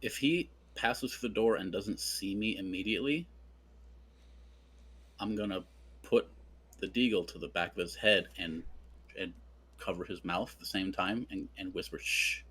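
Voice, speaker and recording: A man talking as a player in a tabletop game, measured and deliberate. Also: deep voice, a bit bright, husky.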